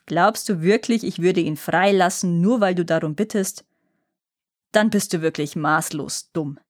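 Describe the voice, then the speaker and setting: A fearsome flying troll from a storybook sneers and boasts with cold scorn, as a woman reading the tale puts him on. The voice sits lower than her own and keeps a mocking edge. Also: unhurried, no room sound, clean studio sound, natural voice. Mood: scornful.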